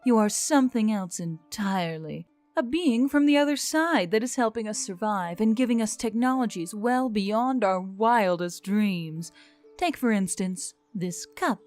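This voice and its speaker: A woman voices a gentle, earnest otherworldly woman in audiobook dialogue, sounding reassuring and measured with formal phrasing. Her pitch is medium and the acting is light.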